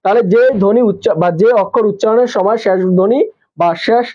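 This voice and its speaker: A man's voice: high-pitched, dull audio. A man teaching a live online class, asking his students questions and answering them himself while repeating the key terms. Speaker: nursing admission teacher.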